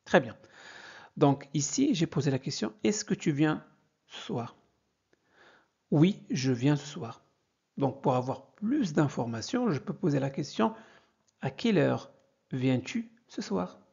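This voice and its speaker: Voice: mid-range voice, creaky, a little mellow, breathy edge, dull audio. A teacher giving a grammar lesson, explaining step by step and often checking in with the viewer. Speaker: French teacher.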